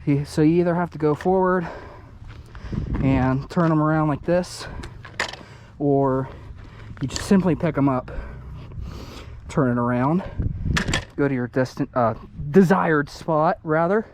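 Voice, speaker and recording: A man's voice: fairly high pitch, a little slow, pauses often. A young man vlogging outdoors in a casual, chatty and upbeat way, a bit out of breath. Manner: upbeat, chatty, laughs often. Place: outdoors on pavement. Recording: outdoor noise behind.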